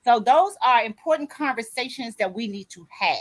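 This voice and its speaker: With a voice on the high side, lively intonation and normal speed, this sixty-something woman hosts a motivational talk show on the radio. As an author mentoring co-authors, she speaks emphatically, urging listeners on and frequently making sure they're keeping up.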